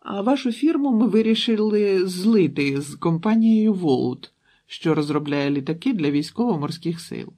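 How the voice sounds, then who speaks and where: A man reading an audiobook, voicing a polite, matter-of-fact aircraft executive in a slightly raised, louder voice with a raspy edge. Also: sits high, lively intonation, normal speed, pitched above the performer's own voice. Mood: polite, cool. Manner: courteous, matter-of-fact, dismissive. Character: smooth polite American aircraft executive, middle-aged man.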